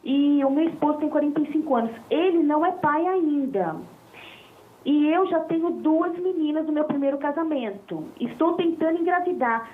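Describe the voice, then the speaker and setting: A woman's voice: sits high, normal speed. A woman in her forties calling in over the phone to ask a doctor a question, speaking hesitantly. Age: 40s. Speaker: caller. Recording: tinny phone line.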